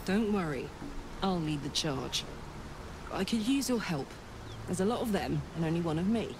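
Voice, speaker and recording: A woman's voice: fairly low pitch, expressive, normal speed, noisy background. An actress voicing a brash, hot-tempered female tiefling soldier in a video game, blunt and cocky. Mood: brash, confiding. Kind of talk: video game character dialogue.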